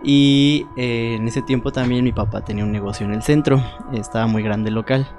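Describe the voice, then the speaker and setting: A young Mexican man, mid-pitched and easygoing, tells friends a nightmare full of fillers and slang. Quiet music plays under the chat. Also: a little fast. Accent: Mexican Spanish. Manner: relaxed storyteller with slang and fillers. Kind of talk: casual chat among friends, telling a nightmare.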